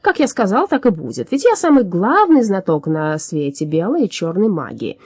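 Woman reading storybook villain-ish old alchemist, irritable braggart, mellow husky tone, dry close sound. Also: mid-range voice, very animated, normal speed, dry recording. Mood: boastful. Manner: shouting, bragging and scornful. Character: grumpy boastful old male hunchback alchemist. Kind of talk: audiobook character voice.

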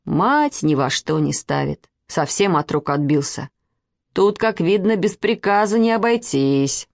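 A woman reading a storybook, voicing a boastful middle-aged military officer who barks drawn-out commands. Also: lowish voice, lively intonation, creaky, no echo, studio quality.

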